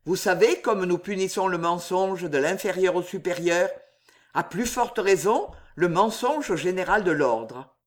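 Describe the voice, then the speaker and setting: Man playing a scary older churchman boss, cold and commanding, slow deliberate threats. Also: high-pitched, animated. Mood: cold warning. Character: stern older male superior of an order, menacing.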